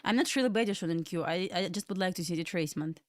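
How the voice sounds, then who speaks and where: The host, a young adult woman from Belarus with a Russian accent, talks very fast in a fairly low voice during her live trading stream in a Florida home room. She chats in a loose, meandering way, answering chat between market notes, and the audio is clean studio sound with no room tone.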